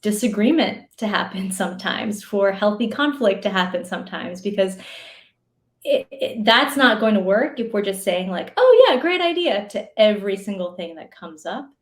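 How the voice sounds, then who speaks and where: A woman's voice: medium pitch, animated, normal speed. A woman, a podcast guest and educator, answering interview questions thoughtfully with frequent fillers and asides. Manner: thoughtful, many fillers and asides, laughs often. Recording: roomy echo.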